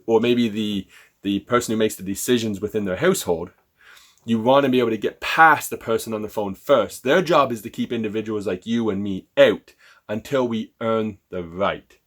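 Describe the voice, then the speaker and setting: Casting: male sales trainer, energetic, asks rhetorical questions, role-plays calls. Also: on the low side, normal speed. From Canada. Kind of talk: direct-to-camera sales lesson.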